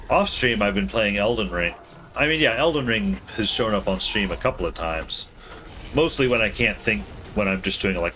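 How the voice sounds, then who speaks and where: A man with a somewhat low voice talks his way through a game stream, half-mumbling and restarting his sentences. He sounds casual and unhurried at a desk mic. A faint hiss sits under the voice. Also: pushed and bright. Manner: rambling, mumbling, self-correcting. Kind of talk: casual gameplay commentary.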